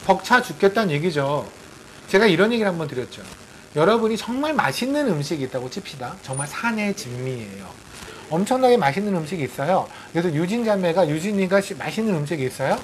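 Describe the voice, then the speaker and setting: A man with a high voice delivers a sermon as a missionary preacher. He talks conversationally, acting out quotes and firing off rhetorical questions at his listeners. Faint noise hums behind him. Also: animated, quick pace, poor audio.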